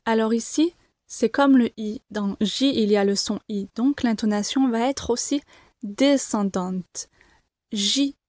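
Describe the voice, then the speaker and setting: A woman teaching the alphabet to beginners, saying each letter slowly and clearly, repeating it and reassuring learners. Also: a little high, mellow, dry recording, clean studio sound. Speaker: French teacher. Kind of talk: slow, careful pronunciation lesson.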